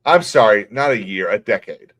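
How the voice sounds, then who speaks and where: A man, hosting a casual gaming chat, blunt and quick to laugh. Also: on the low side. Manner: relaxed, blunt, laughs easily. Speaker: podcast host.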